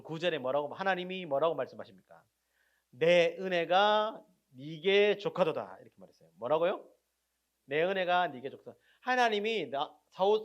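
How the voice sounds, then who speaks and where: A man preaches a sermon in a slightly high voice, asking his congregation questions and then answering them himself. His delivery swings between loud, emphatic lines and very quiet endings.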